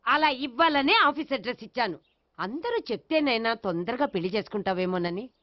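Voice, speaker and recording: Woman as nagging old grandma, high voice, dull soundtrack. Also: animated, brisk, lightly acted. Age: older. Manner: nagging, emotional.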